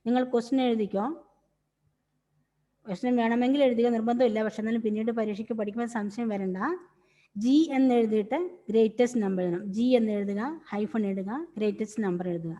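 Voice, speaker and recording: A woman's voice: a little high, fairly even intonation, quick pace, mellow, long reverb tail, highs cut off. A woman teacher giving an online class over a video call, patiently repeating each instruction step by step.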